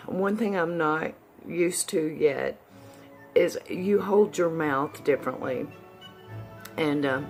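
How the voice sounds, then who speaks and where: A woman giving a casual, candid, folksy update to viewers, her s sounds whistling through new dentures. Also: sits low. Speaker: vlogger.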